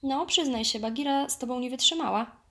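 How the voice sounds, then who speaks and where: A woman's voice: high voice, brisk, fairly bright tone, pitched above the performer's own voice. A woman voicing a big, jolly male bear who talks in a hearty, teasing way.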